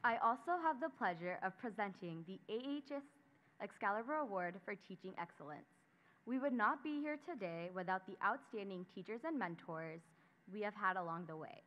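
A young woman, a student council member, giving a formal scripted ceremony speech at a podium microphone and announcing names in a measured way. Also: medium pitch, expressive. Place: graduation ceremony. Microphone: speaking at a podium microphone. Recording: dull lo-fi sound.

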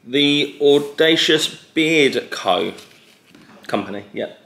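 A man's voice: fairly high pitch, lively intonation, takes it slowly, vocal fry, fairly bright tone. A man in his thirties vlogging at home, reading gift cards aloud and joking as he opens presents. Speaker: vlogger, new dad opening gifts. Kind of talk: casual chat. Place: living room, indoors. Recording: echoey room, faint noise.

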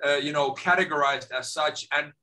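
A middle-aged man from Finland, a lively guest in a casual video-call interview from his home office, has a slightly high voice and talks at a normal speed. He often repeats words as he launches into a sentence.

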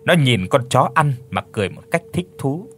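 A man narrating a ghost story in an expressive, dramatic storyteller style. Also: mid-range voice, normal speed, a little hiss or hum.

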